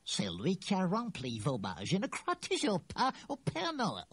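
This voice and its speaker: A woman's voice: medium pitch, wildly swooping pitch, measured pace, very noisy. A woman voicing a skeptical, stubborn young boy in a storybook audio drama, talking in a childlike way. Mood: scoffing.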